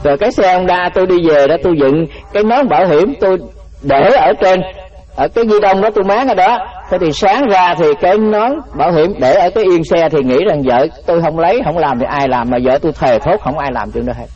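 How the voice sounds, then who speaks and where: Monk telling stories, muffled old tape. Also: male voice, a little high, animated, brisk, a little mellow. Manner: folksy, anecdotal, repeats words. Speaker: Buddhist monk. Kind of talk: dharma talk storytelling. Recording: muffled lo-fi radio-like recording.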